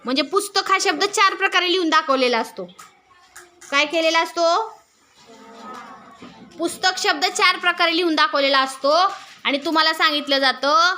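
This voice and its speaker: A woman teaching a classroom lesson, her voice high and very bright. She is middle-aged and keeps turning to the pupils with questions. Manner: asks pupils questions and waits for answers.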